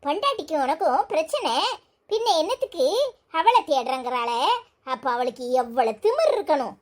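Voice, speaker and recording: A woman's voice: high voice, sing-song, normal speed, background noise. A woman voicing a young village wife in a cartoon, grumbling and scolding. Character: young village wife, sulky and sharp-tongued. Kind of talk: cartoon storytelling.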